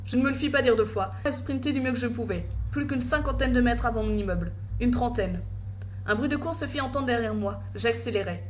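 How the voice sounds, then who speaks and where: High-pitched woman narrating a horror story. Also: a little fast, a little hiss or hum. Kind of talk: scripted first-person creepypasta narration.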